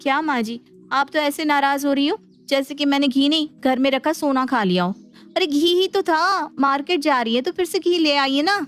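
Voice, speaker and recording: A woman's voice: high voice, normal speed, natural voice. A woman voicing a headstrong young daughter-in-law who talks back in a cartoon. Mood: sassy.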